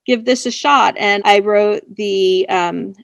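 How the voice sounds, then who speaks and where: A woman with a mid-range voice and vocal fry talks at a slow pace, with no room sound. She's a writer chatting casually as an interview guest, self-deprecating and chatty, often laughing lightly as she speaks.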